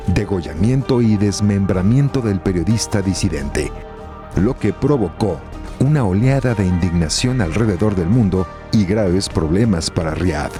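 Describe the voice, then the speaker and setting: Low-voiced man narrating true crime over music. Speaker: narrator of a news video report. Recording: music bed under the voice.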